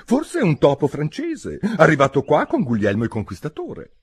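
A man's voice: a little high, wildly swooping pitch, normal speed, breathy edge, voice pushed up, full character voice. A man putting on a chattering, eager young girl. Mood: musing.

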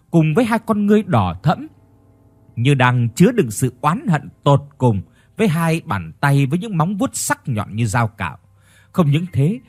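A man's voice: on the high side, breathy edge. A man reading a horror story aloud in a dramatic storytelling manner. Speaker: narrator. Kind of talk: scripted horror narration.

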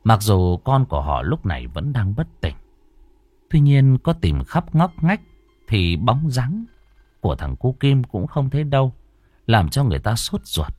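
A man's voice: medium pitch, big pitch swings, a little slow, darkish tone, no room sound, faint music behind. A man narrating a ghost story with a dramatic delivery.

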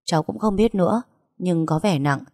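Một người phụ nữ đọc truyện lồng tiếng một cô y tá trẻ giải thích lễ phép, thận trọng. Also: female voice, lowish voice, moderate pace, mellow, no echo, clean studio sound. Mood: careful. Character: young hospital nurse, polite and careful.

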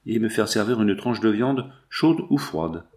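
A man's voice: on the low side, lively intonation, measured pace, darkish tone. A man voicing a resolute young woman giving firm, clipped orders in an audiobook reading.

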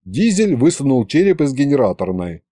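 A man narrating a fairy-tale audiobook in a lively, expressive way. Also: mid-range voice, moderate pace, slightly rough, no room sound. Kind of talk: audiobook reading.

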